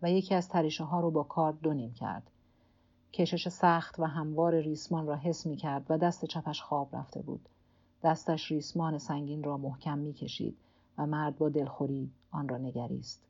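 A woman narrating a literary audiobook in a calm, measured reading. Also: low-pitched, husky, dull audio.

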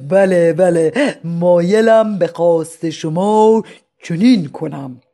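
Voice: medium pitch, lively intonation, a little mellow, natural voice. A reader voicing a brash adult male madman who taunts the crowd and draws out his "eh" interjections. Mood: mock-grand.

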